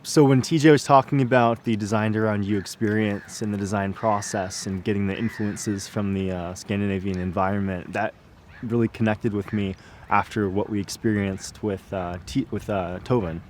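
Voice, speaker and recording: A man's voice: on the low side, fairly even intonation, moderate pace, a little mellow, a little hiss or hum. A man on a travel series reflecting casually on his experiences, hesitant and searching for words. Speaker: guest explorer on a travel series.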